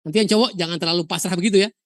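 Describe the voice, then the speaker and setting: A woman from Indonesia teaching a university histology lecture, telling lively stories, asking rhetorical questions and dropping in English terms. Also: on the low side, racing, no echo. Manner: mixes English terms into explanation.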